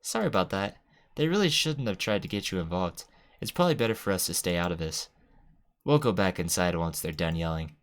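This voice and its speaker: Man reading a gentle game club president: soft, low. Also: expressive, fairly quick. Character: calm teenage girl club president.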